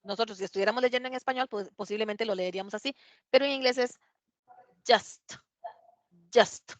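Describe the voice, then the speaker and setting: A woman gives a classroom lesson on English pronunciation, checking in with her students again and again. Her voice sits a little high and dry, with a dull, muffled sound. She stretches out example words slowly so the class can copy them. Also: dry recording. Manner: patient, explains step by step, asks "¿verdad?" often. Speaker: English teacher.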